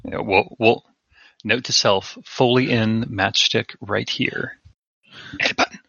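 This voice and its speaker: A man who plays at the table and edits the show makes wry asides. His tone is bright and forceful, and the sound is dry and close. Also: lowish voice, steady tone, slow pace, vocal fry, no echo, highs cut off. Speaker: podcast editor and player.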